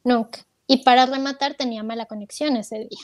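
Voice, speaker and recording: This woman's voice sits a little high, with a steady tone and a fairly quick pace, recorded without echo. Appearing as an interview guest, she tells her story candidly, full of fillers, and quotes her own thoughts aloud.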